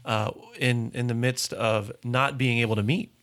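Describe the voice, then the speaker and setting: A man's voice: mid-range voice, fairly even intonation, a bit bright. Laughing male interview host. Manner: laughs often, fills pauses with ums. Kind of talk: casual interview talk.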